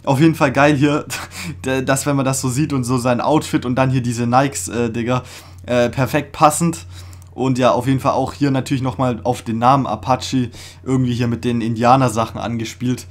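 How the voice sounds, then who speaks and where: A young man hosting a casual music reaction, talking in an excited, slangy way with many fillers and restarts, recorded in a small room. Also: mid-range voice, normal speed. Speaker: reaction video host. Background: faint music playing.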